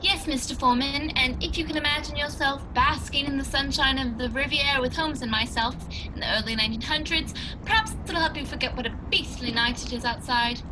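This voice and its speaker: A woman's voice: sits high, a little fast, few pauses, background noise, natural voice. A woman playing a genial old English doctor who tells a mystery tale in an earnest, old-fashioned 1940s radio style.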